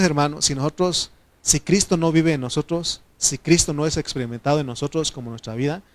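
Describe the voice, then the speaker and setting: A man preaching a conversational sermon, speaking informally with filler pauses and frequent amens to his congregation. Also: medium pitch.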